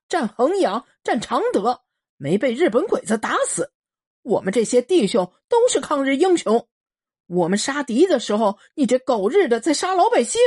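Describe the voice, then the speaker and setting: A woman voicing a furious burly prisoner shouting defiance. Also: a little high, pitched above the performer's own voice.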